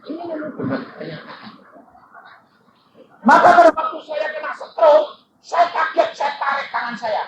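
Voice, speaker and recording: An older man preaching a sermon full of stories, swinging from low asides to high shouted quotes. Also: expressive, unhurried, background noise. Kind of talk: sermon with anecdotes. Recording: dull, echoey hall recording from far off.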